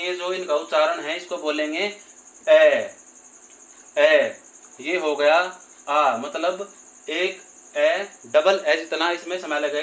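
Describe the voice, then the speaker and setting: A man's voice: on the high side, sharp tone, poor audio. A man teaching a grammar lesson, patiently repeating and drawing out vowel sounds while addressing his listeners as friends.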